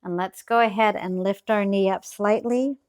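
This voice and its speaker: A woman teaching yoga as a calm guided grounding exercise, gently and encouragingly instructing. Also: medium pitch, normal speed.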